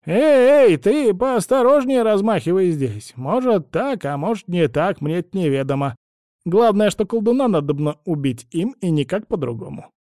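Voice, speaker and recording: A man's voice: sits high, animated, normal speed, warm tone, no room sound, clean studio sound, voice pushed up. A man doing a cranky old witch. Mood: grumpy. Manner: cranky, evasive, sing-song. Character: grumbling cunning old witch woman.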